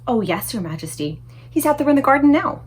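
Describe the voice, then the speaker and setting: Woman voicing a soft, earnest little girl. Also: high-pitched, big pitch swings, brisk, pitched above the performer's own voice. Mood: earnest, reassuring. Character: little girl, timid, polite, earnest and calm.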